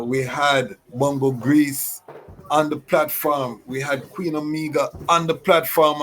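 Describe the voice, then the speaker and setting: A man's voice: on the high side, fairly bright tone, rough recording. A man hosting a talk show, introducing his guest with formal, ceremonial phrasing and frequent fillers. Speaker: host.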